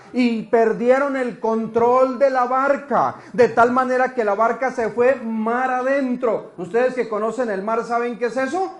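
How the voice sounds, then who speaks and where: A man preaching a lively sermon, telling stories and asking the congregation questions. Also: very high-pitched, echoey room. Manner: animated storytelling, asks the congregation questions.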